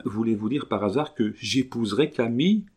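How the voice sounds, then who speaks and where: A man's voice: medium pitch, moderate pace, a little mellow, slightly rough, voice pushed up, natural voice. A man reading an audiobook, voicing a passionate, determined young woman who presses her questions ardently. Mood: defiant.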